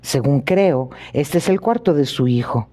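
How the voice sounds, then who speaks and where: A man reading a polite, sharp-minded detective. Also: fairly high pitch, animated. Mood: calm probing. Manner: polite, measured questioning. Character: sharp, precise male detective, calmly probing. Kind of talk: audiobook reading.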